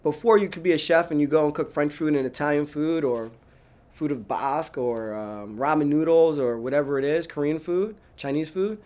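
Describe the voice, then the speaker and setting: A man in his thirties from New York, a chef answering interview questions in a casual, animated way, with frequent "like"s and restarts. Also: fairly high pitch. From New York, USA. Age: 30s. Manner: animated, talks fast with many "like"s and restarts.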